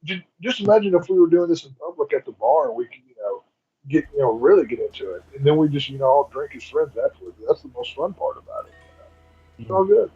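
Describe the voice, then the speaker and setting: A man with a husky voice, a podcast guest bantering with joking, boisterous trash talk. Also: fairly high pitch, lively intonation, fast, dark tone, highs cut off, a little hiss or hum. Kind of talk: casual banter.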